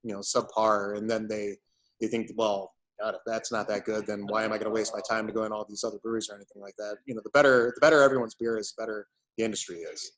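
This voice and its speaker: Man, lowish voice, casual interview guest, loose rambling delivery, conversational. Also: flat delivery, fast talker, a bit bright, poor audio. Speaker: craft brewery owner and brewer, interview guest. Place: at his brewery.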